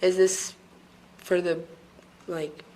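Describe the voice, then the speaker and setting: Soft, hesitant woman testifying in court. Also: fairly low pitch, little pitch movement, low-quality recording. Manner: hesitant, apologetic, halting with many pauses. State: losing her voice. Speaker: witness.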